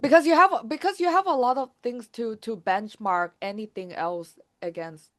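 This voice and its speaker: A young adult woman from Thailand, a guest telling her story in a casual interview, talking in a quick, lively way with many fillers. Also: a little high. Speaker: guest, founder.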